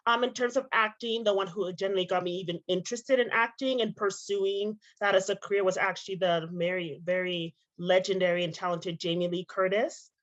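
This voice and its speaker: A woman's voice: medium pitch, steady tone, a little fast, hardly any pauses. A young woman from Spain, a native Spanish speaker, answering interview questions in a chatty way with many fillers. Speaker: interview guest, actress and author. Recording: dull lo-fi audio.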